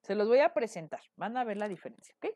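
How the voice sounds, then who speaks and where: A woman's voice: mid-range voice, expressive, fast, warm tone. A woman with a Mexican accent, a decorative painting teacher, chatting through a live painting tutorial and checking in with her viewers often. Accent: Mexican Spanish.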